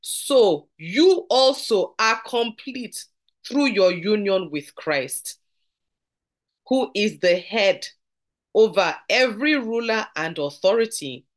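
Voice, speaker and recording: A woman teaching a podcast Bible study, conversational and earnest, slowing down to read scripture aloud. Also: medium pitch, lively intonation.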